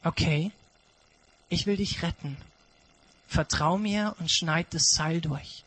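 A man voicing God in a sermon story, speaking quietly and reassuringly. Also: sits high, brisk, slightly rough, low-quality recording. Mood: calm reassuring. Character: God speaking calmly, male.

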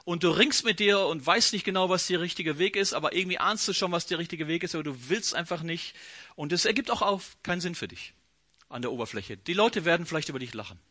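A man preaching a sermon, telling the story with lively energy and acting out the inner voices of the characters. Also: high voice, quick pace, no echo.

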